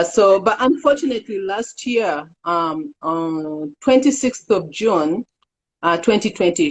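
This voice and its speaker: A middle-aged woman from Uganda, a guest in an interview, speaking earnestly and haltingly with many fillers. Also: fairly high pitch, poor audio. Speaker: executive director, interview guest. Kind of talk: casual interview talk.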